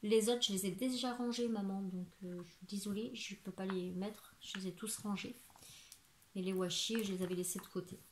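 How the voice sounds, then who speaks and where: A chatty woman in her forties from France, rambling through a crafting haul at home. Her voice sits mid-pitch and bounces around a roomy, echoey space. A steady hiss of background noise runs underneath. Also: moderate pace. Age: 40s. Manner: chatty, rambling, many fillers and restarts. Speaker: crafting YouTuber. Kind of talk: casual haul video. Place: home living room.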